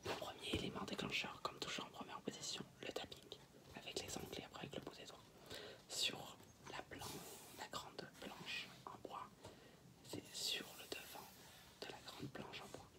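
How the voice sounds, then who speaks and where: Young man whispering slow ASMR. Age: teens to young adult. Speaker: ASMR channel host. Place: small bedroom, indoors. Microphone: built-in device mic at arm's length, no external microphone.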